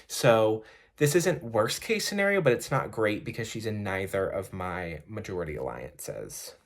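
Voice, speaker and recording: A man contestant giving a measured, analytical confessional about the game. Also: lowish voice, very animated. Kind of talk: strategic confessional.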